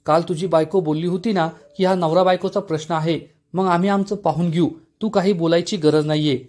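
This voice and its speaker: A man's voice: on the high side, steady tone, a little fast, a little mellow, lightly acted. A man reading the lines of an irritable young husband who snaps and complains. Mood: furious. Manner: snappish, complaining.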